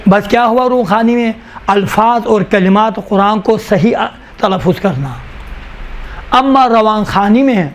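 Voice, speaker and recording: A male teacher dictating definitions to a class, slowly repeating each phrase so students can write it down. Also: high voice, slight background noise. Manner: slow, repeats each phrase for note-taking. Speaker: Quran recitation teacher.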